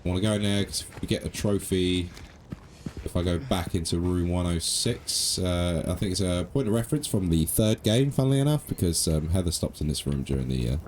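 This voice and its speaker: A man with a low voice gives loose, chatty commentary while playing a horror game. He jokes and swears now and then in a casual streamer's way. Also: darkish tone, slight background noise.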